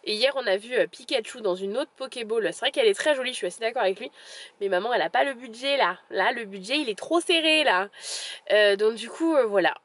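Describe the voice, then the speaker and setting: A woman's voice: on the high side, expressive, quick pace, a bit bright, no echo. A woman vlogging in a casual, chatty way, full of fillers and little restarts. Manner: chatty, filler-heavy, lots of "voilà". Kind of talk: casual vlog chat.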